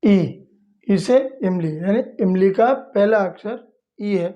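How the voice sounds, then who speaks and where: A woman's voice: mid-range voice, takes it slowly, mellow, dull audio. A woman teaching young children, explaining each step patiently and repeating it plainly. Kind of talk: slow step-by-step lesson for children.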